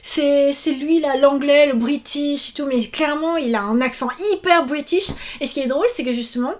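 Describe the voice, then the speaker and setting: A woman in her thirties with a high-pitched voice, talking casually to her viewers. She chats in an animated way and often pauses on fillers as she rambles through her week. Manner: chatty, animated, many fillers. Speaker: YouTuber and author. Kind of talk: casual chat vlog.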